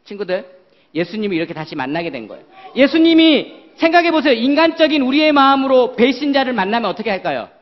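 Animated high-voiced man preaching to children. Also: quick pace, highs cut off. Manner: animated, questions the children often. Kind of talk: lively children's sermon with role-play. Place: church worship hall.

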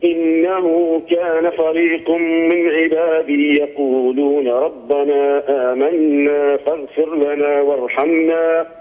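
A man's voice: on the high side, flat delivery, takes it slowly, in a large hall. Man reciting Quran over a tinny phone line. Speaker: student reciter. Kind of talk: slow melodic Quran recitation.

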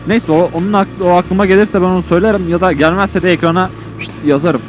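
A fairly high-voiced man speaks from inside a motorcycle helmet while riding. He gives casual, colloquial vlog commentary, rambling as he thinks aloud, with music playing clearly behind him. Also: fairly even intonation, quick pace. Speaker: motovlogger. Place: outdoors on a motorcycle on an open road. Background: music, vehicle on the road.

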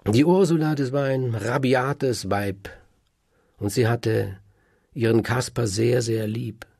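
A man telling old legends aloud in a lively, emphatic way, swinging between loud and hushed. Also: medium pitch, slow, gravelly, slightly rough, dry recording. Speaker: storyteller. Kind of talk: oral storytelling of legends. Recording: dry close recording.

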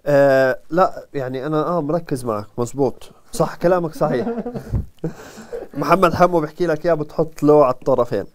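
A man's voice: a little high, fairly quick. A man with a Jordanian Arabic accent reading viewer comments aloud during a live lesson, in a playful, teasing way. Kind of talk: live stream chat.

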